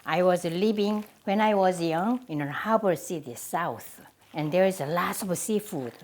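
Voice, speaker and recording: A woman's voice: lowish voice, unhurried, a little mellow. Chatty Korean-accented woman cooking. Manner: chatty, enthusiastic, simple phrasing. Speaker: cooking show host. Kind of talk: cooking demonstration. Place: home kitchen.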